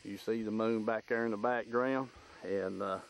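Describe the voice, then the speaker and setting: A man's voice: lowish voice, steady tone, moderate pace. A man with a Southern US accent hosting a casual fishing show from a boat on a lake, speaking in a folksy way into a camera microphone. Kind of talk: casual outdoor fishing commentary. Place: outdoors in a boat on a lake at night. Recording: noisy outdoor camera recording on a lake.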